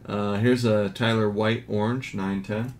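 A man with a lowish voice talks slowly through a stack of graded cards and reads off numbers in a relaxed, steady way. Steady noise sits clearly under the voice. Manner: slow, low-key commentary, grades read in a flat list. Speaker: card collector. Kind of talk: casual unboxing narration. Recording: audible background noise.

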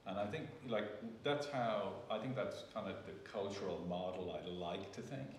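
A man with a lowish voice speaks off the cuff at a moderate pace during a panel discussion, reflective and in short phrases. A distant camera recorded him in an indoor gallery event space, so the audio is echoey, far off and somewhat noisy.

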